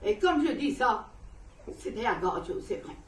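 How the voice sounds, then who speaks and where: A woman's voice: a little high, very animated, normal speed, far from the mic, slight background noise. Emotional woman giving testimony, echoey. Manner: emotional, rambling, laughs often while telling. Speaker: church member giving testimony. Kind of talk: spoken religious testimony. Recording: echoey room, voice from afar.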